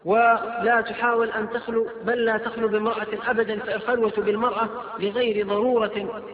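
A man's voice: sits high, little pitch movement, fast talker. A man preaching to an audience, reading out questions and answering firmly in numbered points. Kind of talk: religious lecture Q&A. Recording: tinny, echoey hall recording with crowd.

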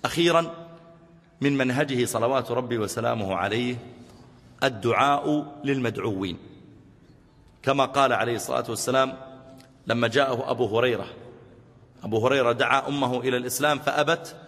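A man's voice: mid-range voice, fairly quick, pauses often. A man preaching a sermon, telling stories with rising emphasis and closing with supplications. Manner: animated storyteller, voice rising for emphasis and falling for prayer. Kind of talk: sermon with storytelling and closing prayers. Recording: hall reverb.

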